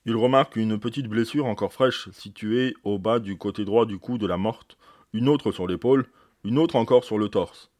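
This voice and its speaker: Man reading as a proud senior doctor, low-voiced. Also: moderate pace, a little mellow, no echo, clean studio sound, lightly acted. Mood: grave recounting. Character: eminent older male doctor, proud, precise. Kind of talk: reading a novel aloud.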